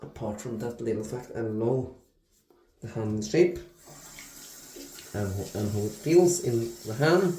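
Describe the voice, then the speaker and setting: A man in his thirties hosting a casual shaving vlog, talking in a relaxed way with many fillers and restarts. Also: medium pitch, unhurried, pauses often, a little hiss or hum. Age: 30s. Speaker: shaving video host. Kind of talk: casual talk-through vlog. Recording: echoey room.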